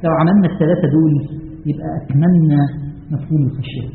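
A man with an Egyptian Arabic accent preaching a mosque lesson, animated and emphatic, with slow chanted recitation. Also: on the high side, gravelly, slight background noise. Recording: echoey hall, lo-fi phone-like sound.

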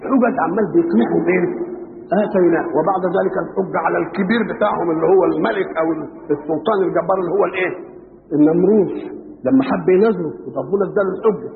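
Rapid high-voiced Egyptian preacher on old radio. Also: male voice, gravelly. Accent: Egyptian Arabic. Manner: poses rhetorical fill-in questions to listeners. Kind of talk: sermon explaining scripture. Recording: old radio broadcast, tinny band, hall reverb, faint hiss.

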